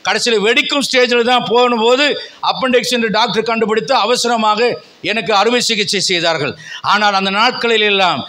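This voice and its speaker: A man's voice: sits high, fairly quick, pushed and bright. A middle-aged male pastor preaching a fervent sermon in a church, with repeated calls and rising emphasis. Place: church sanctuary.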